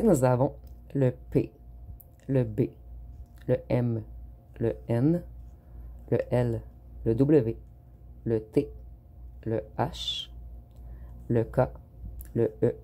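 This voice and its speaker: A tarot reader, giving an unhurried spoken reading with frequent hesitant pauses. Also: medium pitch, mellow.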